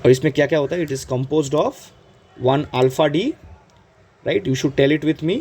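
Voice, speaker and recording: Slow, higher-voiced Indian chemistry teacher. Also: male voice, a little mellow, slightly rough. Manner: switches between Hindi and English, asks "right?" constantly; slow, drawn-out on key terms. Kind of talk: exam-prep lecture.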